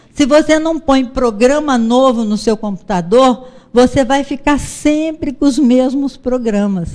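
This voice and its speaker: A woman's voice: sits high, darkish tone. Middle-aged brazilian woman giving an earnest spiritist talk, calls everyone brothers. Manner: earnest, addresses audience as brothers. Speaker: spiritist lecturer. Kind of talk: spiritist lecture. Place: spiritist center hall.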